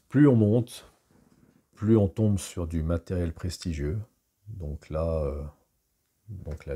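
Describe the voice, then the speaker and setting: Deep husky-voiced man guiding a tour. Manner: relaxed guide voice with fillers. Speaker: guide giving a shop tour. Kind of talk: narrated walkthrough tour. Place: multi-floor hi-fi store, indoors.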